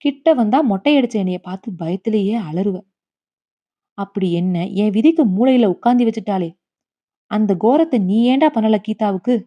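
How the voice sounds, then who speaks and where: A woman voicing an elderly grandmother in a story. The grandmother is grieving and stubborn, and shifts between scolding and quiet bitterness. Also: mid-range voice, lively intonation, normal speed, lo-fi sound, lightly acted. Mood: pleading. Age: over 60.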